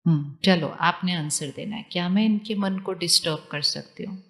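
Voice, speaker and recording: A woman giving a spiritual talk to a live audience, calmly repeating questions to her listeners. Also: on the low side, moderate pace, creaky, long reverb tail. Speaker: spiritual teacher.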